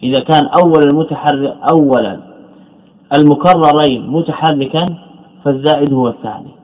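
A man teaching a classical grammar text in a lecture, stretching out example words slowly and restating terms as he goes. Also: fairly high pitch, darkish tone. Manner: drawn-out syllables on example words, repeating terms and correcting himself. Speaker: Islamic scholar teaching Arabic morphology. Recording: dull lo-fi lecture recording.

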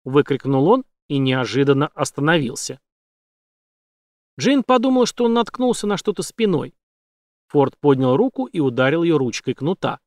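A man narrating an audiobook in a steady, dramatic reading. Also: on the high side, normal speed, dry recording, studio quality. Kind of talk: scripted narration.

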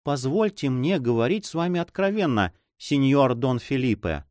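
A man voicing an old female duenna who sighs, grumbles and fusses in a high voice. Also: sing-song, normal speed, darkish tone, dry recording, studio quality, lightly acted. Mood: grumbling. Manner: sighing, fussy, grumbling.

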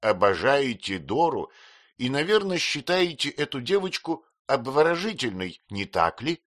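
A man reading an audiobook, voicing a blunt, fond elderly great-aunt who speaks in brisk exclamations. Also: medium pitch, very animated, a bit bright, no echo, studio quality, voice pushed up. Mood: teasing. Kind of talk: audiobook character voice.

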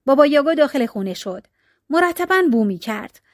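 Expressive, high-voiced woman storyteller. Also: dry recording, studio quality. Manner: expressive, dramatic reading. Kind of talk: storybook narration.

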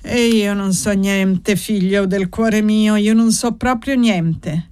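A woman's voice: mid-range voice, slow, a little mellow, clean tone, no echo, clean studio sound, natural voice. A woman voicing an anxious, evasive old village woman in an audiobook, by turns ironic and pleading.

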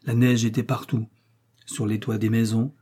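Male narrator, classic novel, steady and measured, husky tone. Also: fairly low pitch. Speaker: audiobook narrator.

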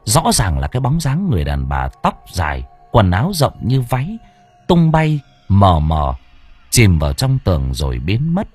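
Expressive male storyteller with a husky voice. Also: on the low side, normal speed, soft background music. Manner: expressive, dramatic. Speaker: audiobook narrator. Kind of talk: dramatic storytelling.

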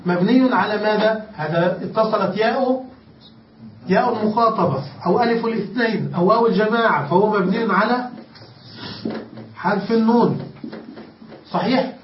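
Male grammar teacher, high voice, patient step-by-step explainer who stretches key words; distant, dull lo-fi mic in a roomy space. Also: moderate pace, long pauses. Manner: explains step by step, often checks understanding with the class. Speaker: sheikh teaching Arabic grammar. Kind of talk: classroom grammar lesson. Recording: distant, echoey, dull lo-fi room recording with faint hiss.

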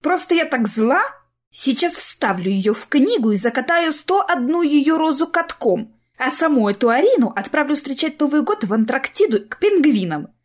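A woman's voice: high-pitched, very animated, normal speed, voice pushed up. A woman voicing fiery scheming writer Klara.

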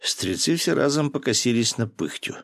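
A man narrating a historical story as an audiobook, measured and even. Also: medium pitch, no room sound, clean studio sound.

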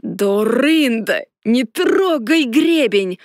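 A gruff, mocking male dragon from a storybook, played by a woman narrator. He drawls his words slowly and rolls a rumbling, growling R, sounding both irritated and smug. The voice is close and dry, with no room around it. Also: lively intonation, dry recording. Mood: alarmed. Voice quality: growling rolled R. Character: gruff sarcastic male dragon, huge and scaly.

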